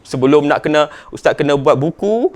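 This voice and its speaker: Animated, high-pitched Malaysian preacher. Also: male voice, a little fast. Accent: northern Malaysian. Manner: dramatic, with sudden rises in pitch and loudness; often addresses the audience directly. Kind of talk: youth sermon with storytelling.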